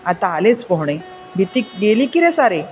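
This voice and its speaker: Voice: medium pitch, very animated, moderate pace, a little hiss or hum, natural voice. A storyteller voicing a friendly young village man who coaxes a boy into swimming, in a storybook reading over faint music. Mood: encouraging. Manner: friendly, reassuring.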